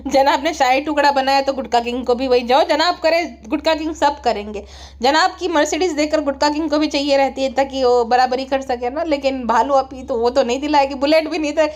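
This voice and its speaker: A woman's voice: high-pitched, fairly quick, darkish tone. A woman hosting a casual gossip podcast, chatty and mocking as she comments on a family. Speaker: podcast host.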